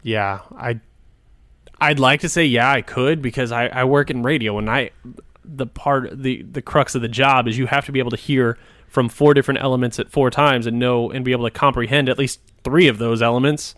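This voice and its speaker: A man's voice: mid-range voice, steady tone, fairly quick, a bit bright, dry recording, studio quality. A man co-hosting a podcast, talking bluntly and jokily in casual chat. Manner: blunt, laid-back, jokey. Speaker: podcast co-host.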